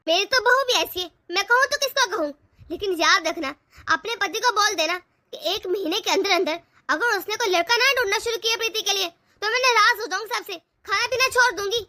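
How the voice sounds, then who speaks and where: A woman's voice: very high voice, a little fast, bright, forceful tone. A woman voicing a stubborn older mother-in-law who nags and scolds in a stern way, in a homemade family drama. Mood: scolding. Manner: nagging, stern.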